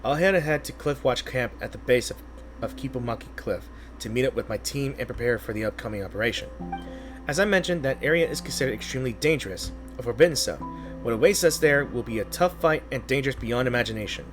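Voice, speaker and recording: A man's voice: mid-range voice, expressive, quick pace, natural voice. Man as game squad captain, earnest, steadfast, formal, varied intonation, music underneath. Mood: serious.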